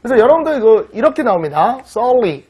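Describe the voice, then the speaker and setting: A middle-aged man teaching an online vocabulary lecture in an animated, teasing way, often checking that students follow. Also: very high-pitched, a little fast, breathy edge, highs cut off. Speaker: English teacher.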